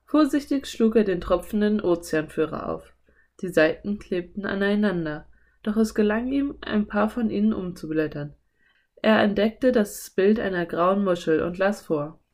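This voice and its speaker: Calm woman reading a children's story. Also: medium pitch, normal speed. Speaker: audiobook reader. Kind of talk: scripted children's story narration.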